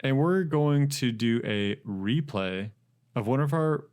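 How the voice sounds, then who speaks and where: Chatty laughing podcast host. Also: male voice, medium pitch, expressive, takes it slowly, a little mellow, smooth. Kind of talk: casual chat.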